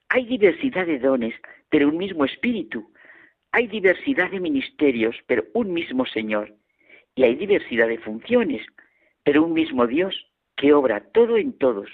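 A man's voice: a little high, vocal fry, breathy edge. A man giving a reflective radio homily and telling anecdotes as a preacher. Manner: reflective, storytelling. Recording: phone-like radio sound.

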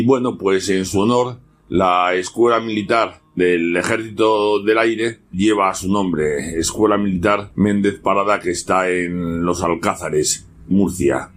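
Man, lowish voice, radio guest, casual storytelling, relaxed filler words. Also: a little slow. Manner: relaxed, with fillers like "bueno, pues".

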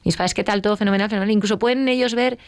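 Fast-talking gravelly woman. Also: mid-range voice, no echo. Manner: lively storytelling, acts out quoted dialogue. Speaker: interview guest. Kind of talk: personal testimony.

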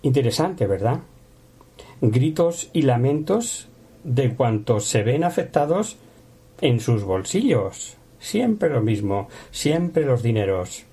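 Husky man explaining scripture. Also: mid-range voice, big pitch swings, takes it slowly, dark tone. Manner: conversational, asks rhetorical questions. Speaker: Bible teacher. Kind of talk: explanatory Bible commentary.

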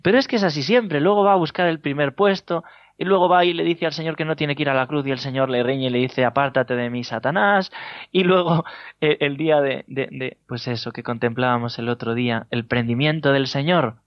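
A man with a Spain Spanish accent preaching a sermon as a priest, telling stories with gentle humor and chuckles. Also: fairly high pitch, fairly quick, no echo. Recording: dull lo-fi dry sound.

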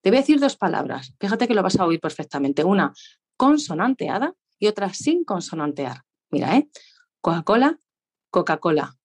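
Lively woman vocal coach on radio. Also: mid-range voice, brisk, breathy edge. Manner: lively, demonstrative, laughs often. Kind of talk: radio interview, explaining. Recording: radio studio.

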